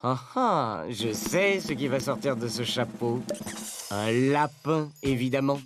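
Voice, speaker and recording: A man playing an excitable male puppet presenter in a children's educational show, talking in a dramatic, exclamatory way. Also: mid-range voice, slow, music in the background. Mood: cheerful. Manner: exclamatory, sing-song, dramatic.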